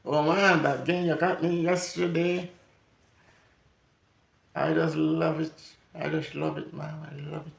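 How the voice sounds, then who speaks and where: A man's voice: on the high side, steady tone, a little slow, gravelly, long pauses, reverberant, voice pushed up. A man with a Jamaican accent putting on a sarcastic two-year-old boy, dripping with sarcasm.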